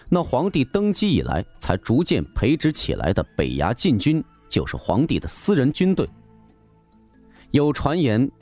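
A male storyteller reading a wuxia novel, his pitch swooping dramatically from line to line. The delivery is suspenseful and theatrical over faint background music. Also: a little mellow. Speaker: narrator. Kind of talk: dramatic audiobook narration.

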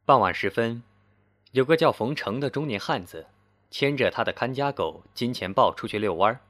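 Expressive male storyteller. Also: mid-range voice, normal speed. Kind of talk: scripted narration.

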